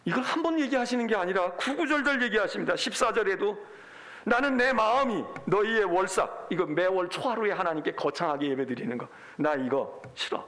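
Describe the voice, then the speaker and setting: A male pastor preaching a Sunday sermon, acting out God's complaints in an animated, emphatic way. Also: sits high, brisk.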